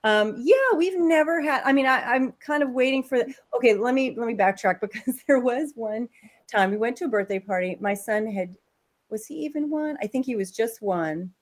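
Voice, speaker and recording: A woman guest on a podcast, chatting casually and telling animated stories about her kids. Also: fairly high pitch, normal speed. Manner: animated storyteller, acts out voices. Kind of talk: casual chat.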